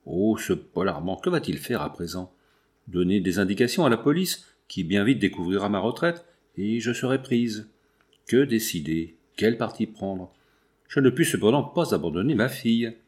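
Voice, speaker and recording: A man's voice: on the low side, very animated, moderate pace, a little mellow. A man reading as a hunted, desperate mother. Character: hunted, desperate mother, middle-aged woman.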